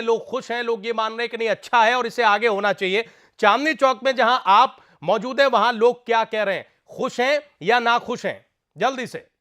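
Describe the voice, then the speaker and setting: Male TV news anchor, high-ish voice, formal measured delivery. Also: a bit bright. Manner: formal, measured, brief affirmations. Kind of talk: studio news discussion hosting. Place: TV studio.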